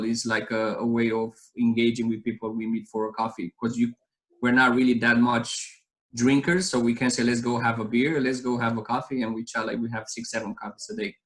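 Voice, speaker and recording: A man's voice: medium pitch, rough recording. A man in his thirties from Romania, speaking with a Romanian accent as an interview guest, telling his story earnestly in a rambling way with many restarts. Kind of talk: casual interview chat.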